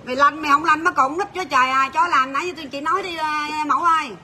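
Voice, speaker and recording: High-voiced shop owner. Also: female voice, pushed and bright, a little hiss or hum. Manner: rapid, blunt teasing banter with staff, laughing often. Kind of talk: livestream sales chat.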